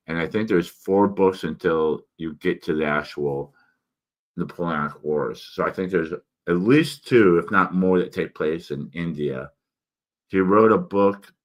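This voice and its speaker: A man giving a casual, rambling book review, halting and correcting himself, his articulation slightly impeded by a swollen mouth. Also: low-pitched, a bit bright. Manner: digressive, self-correcting, halting.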